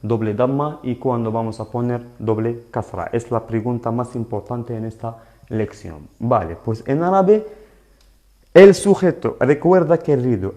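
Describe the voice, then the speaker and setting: A man teaching a live online lesson in Spanish, explaining slowly and patiently and often checking that his students follow. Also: mid-range voice, mellow. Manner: slow, patient explaining with frequent "¿vale?" checks. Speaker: Arabic teacher.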